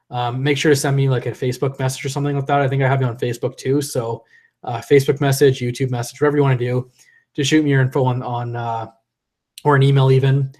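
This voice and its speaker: A tipsy man hosts a livestream, rambling loosely and swearing as he reads the chat aloud in a casual way. His voice is mid-range with a darkish tone, picked up by a desk USB condenser mic.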